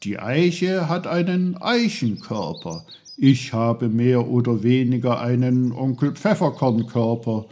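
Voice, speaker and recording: Man voicing a tiny fussy sprite, bossy, brisk, storybook. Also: mid-range voice, animated, dark tone.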